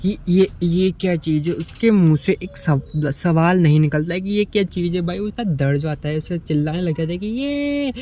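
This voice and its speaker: A man's voice: a little high, fairly even intonation, normal speed, hardly any pauses, warm tone, slight background noise. A man casually retelling a comic in a chatty, buddy-style recap. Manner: chatty, keeps saying "bhai". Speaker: manga explainer.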